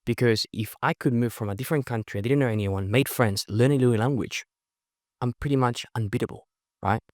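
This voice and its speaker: Energetic and emphatic, this podcast guest is a young man from Chile who organizes networking events, with Spanish as his first language and a mixed Spanish-Australian accent. He talks quickly in a mid-range voice, leaning on "right?" tags in casual interview chat. The recording is dry and studio quality.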